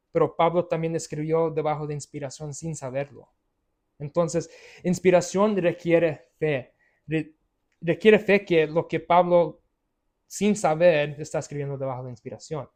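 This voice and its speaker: Slow, halting male Bible teacher. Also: a little high, darkish tone. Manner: halting, frequent restarts and checking questions. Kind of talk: Bible study lesson.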